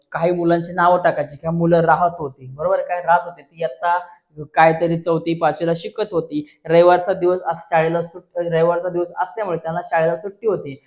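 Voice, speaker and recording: A man with a fairly high voice and a Marathi accent walks students through an exam paper. He keeps asking questions back and answering them himself in a patient classroom way. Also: darkish tone. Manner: repeats questions back, addresses friends. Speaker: teacher.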